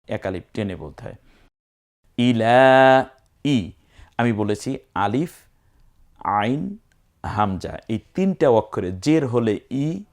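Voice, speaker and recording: Bangladeshi guy teaching quran reading, slow and patient, spells it out then chants long. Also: mid-range voice. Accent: Bangladeshi Bengali. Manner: explains slowly, then chants words in long drawn-out recitation. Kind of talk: spelling-out lesson.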